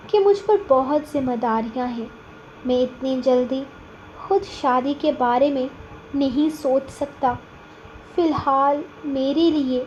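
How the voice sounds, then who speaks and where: A woman voicing an affectionate, patient young husband in an audiobook novel reading, speaking softly and gently coaxing. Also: sits high, a little hiss or hum, natural voice, rough recording. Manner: gently coaxing, soft-spoken.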